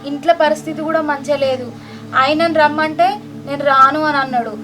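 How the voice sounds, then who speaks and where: Woman as a devoted village sister, Telangana Telugu accent, high voice, loud music under her. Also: steady tone, a little fast, close to an everyday voice. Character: young married village sister, poor and devoted. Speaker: sister and daughter. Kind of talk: village family drama acting.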